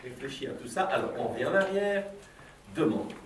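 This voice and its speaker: A man's voice: medium pitch, very animated, a little fast. A middle-aged man leading a philosophy session with children, asking playful, probing, teasing questions. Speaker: philosophy workshop leader for children. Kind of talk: Socratic questioning of a class. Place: school classroom with children. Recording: roomy, from a distance, faint background noise.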